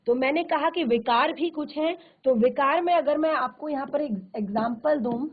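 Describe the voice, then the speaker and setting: A woman teaching a grammar lesson for a virtual classroom, explaining slowly and repetitively, asking questions and answering them herself. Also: high voice. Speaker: Hindi teacher. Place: studio for broadcast classes. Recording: narrow phone-like band.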